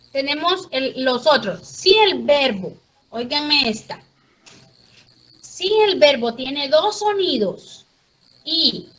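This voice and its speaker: A woman's voice: sits high, fairly bright tone, poor audio. A woman teaching English grammar to a class, explaining patiently step by step.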